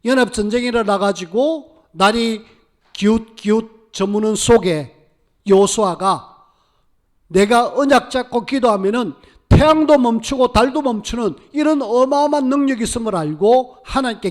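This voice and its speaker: A man's voice: extremely high pitch, moderate pace. A male pastor preaching a sermon, who acts out the prayers of biblical figures with emphatic, rising delivery.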